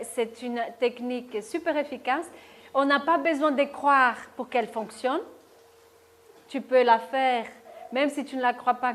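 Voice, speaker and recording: A stress workshop leader, female, speaks in a somewhat high voice with a little hiss or hum behind it. Before a lecture-room audience she demonstrates tapping live, breaking it into steps and often asking "d'accord?".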